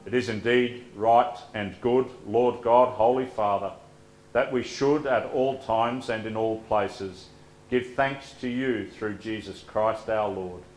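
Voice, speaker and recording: A man leading liturgical prayers as pastor, reading in a measured, solemn way, his voice carried by the echo of a large church sanctuary. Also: lowish voice, fairly even intonation, a little mellow, soft background music. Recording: echoey church room with faint hum.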